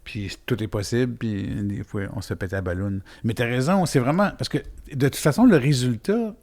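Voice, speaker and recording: A man with a Québécois accent, a guest cinematographer telling relaxed anecdotes in a casual conversation. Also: medium pitch, brisk.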